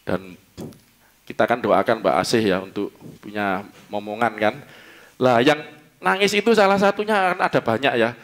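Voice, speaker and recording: A man's voice: mid-range voice, normal speed, pauses often, a bit bright. A middle-aged man with a Javanese accent preaching a casual, joking sermon in a church service, often laughing and asking the congregation questions. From East Java. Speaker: pastor. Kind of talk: conversational sermon.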